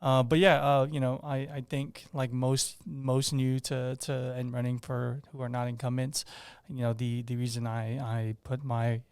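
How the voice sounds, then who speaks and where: A man's voice: medium pitch, little pitch movement, moderate pace, darkish tone, smooth, no room sound, clean studio sound. A man in his thirties, raised on Guam, introducing himself as a candidate in an earnest, plain way with frequent restarts. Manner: earnest, many restarts and fillers. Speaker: political candidate. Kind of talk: casual interview talk.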